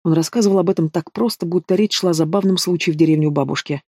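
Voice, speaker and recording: Male narrator for a gritty first-person thriller, mellow and fairly high, dry studio sound. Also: very fast, slightly rough, no room sound. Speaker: audiobook narrator.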